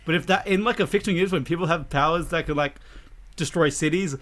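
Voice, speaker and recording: A man's voice: fairly high pitch, fast talker, a bit bright. A man co-hosting a casual podcast, joking around, laughing often and swearing casually. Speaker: podcast co-host. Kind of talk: casual chat.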